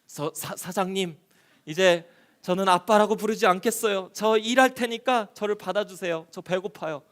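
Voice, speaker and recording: A man's voice: high voice, moderate pace, fairly bright tone. A man voicing an ashamed, hungry young son who pleads hesitantly to be taken back, in a children's sermon story. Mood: timid.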